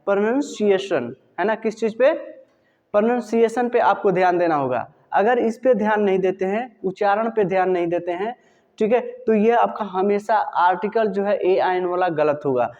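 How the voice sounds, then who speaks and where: A man with a Hindi accent teaches a grammar lesson in a fairly high voice. He keeps asking the class short questions, answers them himself and stretches out example sounds. The recording is dull and lo-fi with a long echo hanging in the room. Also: a little mellow. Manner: drills sounds slowly and repeats them.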